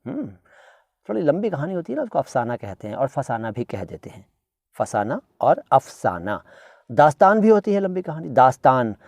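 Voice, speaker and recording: A man's voice: medium pitch, big pitch swings, moderate pace, a little mellow, no echo, clean studio sound. A man giving a casual, playful vocabulary lesson, repeating words to correct their pronunciation. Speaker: Hindi-Urdu language teacher.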